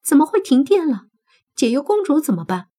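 A woman's voice: on the high side, very animated, moderate pace, breathy edge, exaggerated voice. A woman voicing a spiteful young man, a half-human monster who taunts and sneers, in an audiobook. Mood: alarmed. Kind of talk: audiobook character voice.

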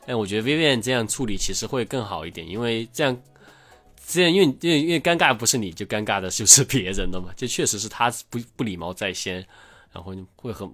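A man hosting a podcast, chatting casually in a relaxed, rambling way that trails off quietly at the ends of his thoughts. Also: on the low side. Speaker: podcast host. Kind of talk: casual chat.

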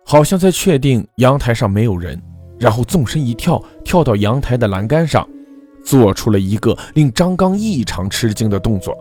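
A man narrating a folk ghost story in a measured, dramatic storytelling manner. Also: mid-range voice, very animated, a little mellow, soft background music.

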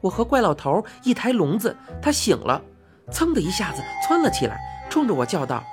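A woman narrating a children's storybook in an expressive reading style. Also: mid-range voice, brisk, over music.

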